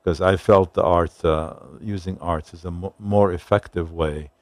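Older man from Palestine, very low voice, many hesitant fillers, dry studio sound. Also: fairly even intonation, normal speed, dry recording. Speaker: museum founder and guest. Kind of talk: radio interview.

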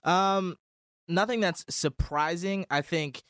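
A man's voice: high voice, slow pace, a bit bright, smooth, dry recording, studio quality. Easygoing young American man talking sports. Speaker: sports radio co-host and analyst. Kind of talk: casual sports commentary and banter. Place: radio studio.

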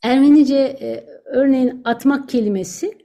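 A woman's voice: sits high, normal speed, gravelly, warm tone. A middle-aged woman, a guest on a radio interview, speaking thoughtfully and eagerly about words she remembers. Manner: thoughtful, fond and eager when recalling words.

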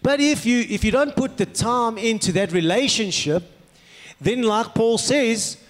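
A male pastor with a broad South African accent delivers a sermon in a fairly high-pitched voice. His manner is conversational and questioning, like someone telling stories to a congregation. The sound carries the long reverb of a hall. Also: unhurried. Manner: conversational, rhetorical questions to the listeners. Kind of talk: sermon with personal anecdotes. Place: large indoor hall, preaching to an audience.

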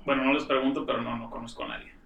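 A man's voice: mid-range voice, flat delivery, racing, vocal fry, fairly bright tone, distant mic, dull audio. A man from Mexico City with a Mexico City accent, hosting a casual group chat, joking and frank about sex. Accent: Mexico City Spanish. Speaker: podcast host. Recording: echoey room, a bit off-mic.

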